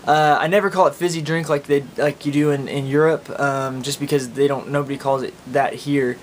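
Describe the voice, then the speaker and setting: A man with an Oklahoma accent chatting casually and informally as a video blogger. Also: a little fast. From Oklahoma, United States. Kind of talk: casual chat to camera, answering accent tag questions. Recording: steady background noise with low rumble.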